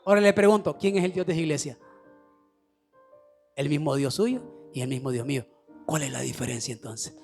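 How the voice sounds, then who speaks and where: A male pastor preaching a sermon, with shouted, sing-song climaxes and quieter, confiding asides. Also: on the high side, animated, a little fast, vocal fry, long pauses, faint music behind. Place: church.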